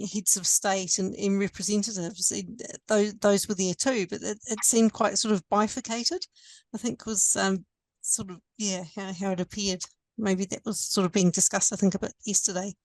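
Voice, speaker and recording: Woman panellist thinking out loud, halting, close dry audio. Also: medium pitch, fairly even intonation, no room sound, rough recording. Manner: hesitant, halting, searching for words. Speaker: conference panellist. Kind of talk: informal panel response.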